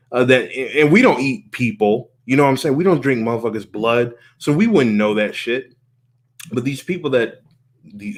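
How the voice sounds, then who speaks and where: A man hosting a casual podcast chat, talking earnestly, repeating and restarting phrases and swearing freely. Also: mid-range voice.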